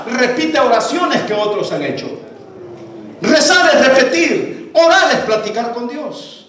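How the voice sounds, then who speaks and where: A very high-pitched male pastor delivers an emphatic sermon, firing rhetorical questions at his congregation. The sound is swamped in heavy church echo. The mic sits well away from him. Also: a bit bright. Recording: very echoey church hall, mic far off.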